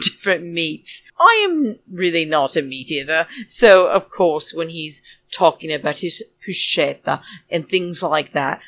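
A woman with a low-pitched voice hosts a chatty solo podcast, recorded very dry and close. She speaks slowly and theatrically, drawing out her phrases. She addresses listeners as darlings and drifts into digressions. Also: a bit bright, dry recording. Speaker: podcast host.

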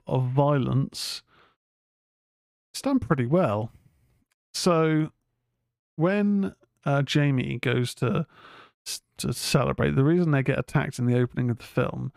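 Guy rambling through a film review, gravelly voice, dry close sound. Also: medium pitch, darkish tone, no echo. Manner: chatty, rambling, swears freely, many fillers. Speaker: film review podcast host. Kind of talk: casual film review chat.

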